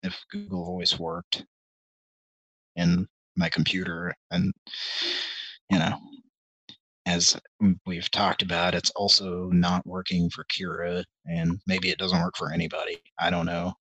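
In a low, flat, slightly slow voice that is fairly bright with a breathy edge, a middle-aged man runs a live call-in stream, wandering through casual talk with ums, restarts, and many hesitations. He throws in wry, self-deprecating asides. The recording is dry and muffled.

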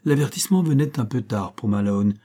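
A man narrating a classic novel as an audiobook, in a measured, even storytelling voice. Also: mid-range voice. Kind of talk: scripted narration.

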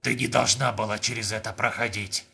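A male audiobook reader voicing a calm, blunt Neanderthal man, firm and matter-of-fact. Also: on the low side, fairly quick, creaky, slightly rough, faint music behind, exaggerated voice. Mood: gentle. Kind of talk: audiobook reading.

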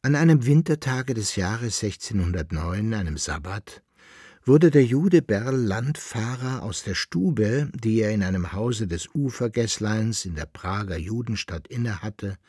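A man reading an audiobook in scripted narration, measured and calm. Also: fairly low pitch, slightly rough, no echo, studio quality. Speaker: audiobook reader.

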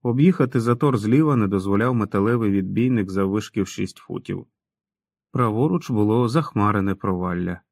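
A man's voice: on the low side, brisk, vocal fry, darkish tone, dry recording, studio quality. A man reading an audiobook in a dramatic, storytelling manner. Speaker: audiobook narrator. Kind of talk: scripted narration.

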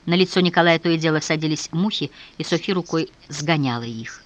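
A steady audiobook narrator with a mid-range voice. The reading is measured and calm, going quiet and low in the darker stretches. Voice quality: even, measured reading, dropping low and soft in grim passages. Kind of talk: scripted narration.

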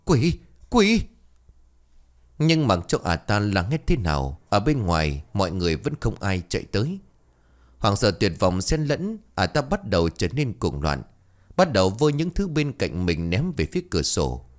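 A male storyteller reading a ghost story. His voice sits low, but his intonation swings widely. He narrates in a dramatic, expressive manner. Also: normal speed.

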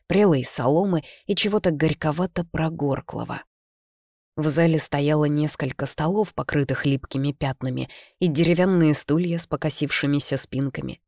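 Audiobook reader, steady first-person storytelling, mid-range voice, dry close mic. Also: medium pitch, dry recording. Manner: measured, even storytelling. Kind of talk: scripted narration.

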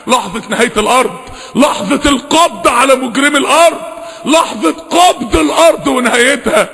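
A man with an Egyptian accent preaching an impassioned sermon, switching between rapid talk and loud, drawn-out recited verses. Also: very high-pitched, creaky. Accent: Egyptian Arabic. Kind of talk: impassioned Friday-style sermon. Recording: long echoing hall reverb.

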